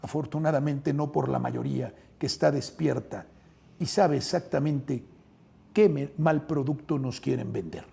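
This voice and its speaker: A man's voice: medium pitch, a little slow, vocal fry, mellow, husky. A Mexican man giving combative political commentary, sarcastic and speaking directly to the people he attacks. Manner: sarcastic, addresses opponents directly.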